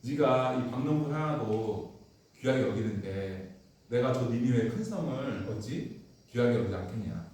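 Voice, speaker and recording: A man voicing God as a calm deity who gives a gentle, measured rebuke, in an echoey room away from the mic. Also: mid-range voice, recorded from a distance, natural voice.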